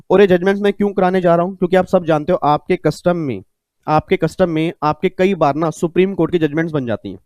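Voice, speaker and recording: A man's voice: fairly high pitch, darkish tone, dry recording. A man teaching an exam-prep lecture in a chatty way, repeating key points and mixing in English terms. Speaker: tax tutor.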